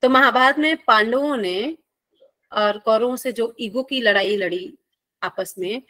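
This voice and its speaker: Woman, teacher, friendly lecture, playful, slightly high voice. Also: unhurried, bright, forceful tone, no room sound. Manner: friendly, playful teaching with call-and-response questions. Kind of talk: classroom lecture.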